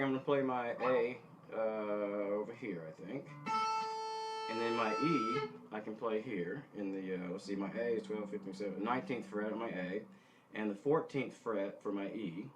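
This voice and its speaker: Halting low-pitched man teaching guitar. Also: rough recording. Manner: halting, self-correcting, thinking aloud. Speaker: guitar instructor. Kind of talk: informal instructional demonstration with music theory. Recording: guitar playing behind the voice. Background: guitar notes being tapped.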